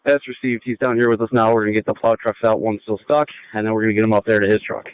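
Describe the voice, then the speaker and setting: A man, an emergency responder, giving brisk, matter-of-fact updates over a police-scanner radio channel. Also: lowish voice, little pitch movement, smooth, no echo. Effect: police-scanner radio transmission. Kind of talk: clipped two-way radio traffic. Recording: dull lo-fi radio audio.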